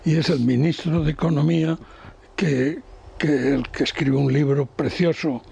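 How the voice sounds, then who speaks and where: An older man with a Spanish accent, an economics commentator on a radio panel, talking in a slow, halting, professorial way with many restarts. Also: a little high, fairly even intonation, creaky, dark tone, slightly rough.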